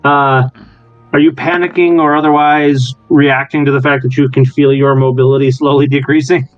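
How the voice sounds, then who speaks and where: A man's voice: mid-range voice, level tone, normal speed, dry recording, muffled recording, faint music behind. A man running a tabletop game as game master, narrating and chatting casually.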